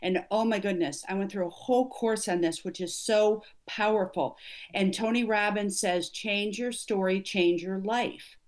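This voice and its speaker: A woman's voice: medium pitch, steady tone, measured pace. A middle-aged woman, an executive coach, speaking earnestly and emphatically as an interview guest. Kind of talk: conversational interview.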